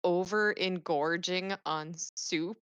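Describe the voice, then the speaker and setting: A woman's voice: fairly low pitch, fairly even intonation, slow, fairly bright tone, clean tone, no room sound, dull audio. A woman chatting casually as a player in a tabletop role-playing game.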